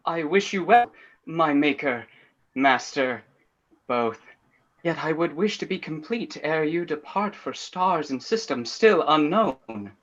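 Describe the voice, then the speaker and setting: A man's voice: on the high side, lively intonation, slow, a bit bright, dull audio, exaggerated voice. A man playing a polite butler robot. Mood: deferential. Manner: formal, deferential, eager to serve. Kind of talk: Shakespearean-verse radio play.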